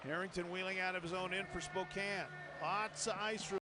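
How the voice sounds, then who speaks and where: A male hockey commentator with a high-pitched voice describes the play. The broadcast recording is clearly noisy. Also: fairly even intonation, fairly quick.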